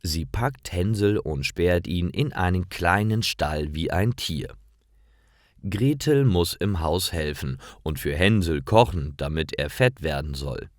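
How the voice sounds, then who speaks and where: A man narrating a fairy tale slowly and clearly for language learners. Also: deep voice, dry recording, clean studio sound. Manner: slow, clear, lively storytelling. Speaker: storyteller.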